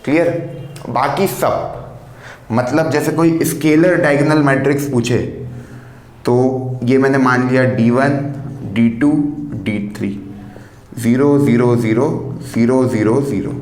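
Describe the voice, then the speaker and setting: A man's voice: mid-range voice, steady tone, a little mellow. A man teaching a maths class at the board, explaining step by step in a mix of Hindi and English and often checking whether the students understood. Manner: explains slowly, mixing Hindi and English, keeps checking "clear?". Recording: roomy classroom echo, faint background noise.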